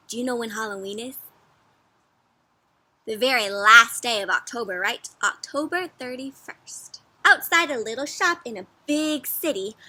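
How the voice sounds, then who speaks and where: Here a woman with a highish voice does an animated read-aloud of a storybook for young children, coaxing responses with frequent questions. There's no echo in the recording.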